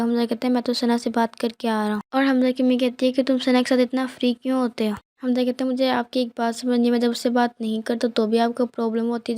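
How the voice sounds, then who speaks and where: Flat-voiced woman retelling a drama episode. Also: a little high. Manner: steady retelling of scenes, quoting characters in a flat voice. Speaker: drama recap narrator. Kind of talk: scripted episode recap narration.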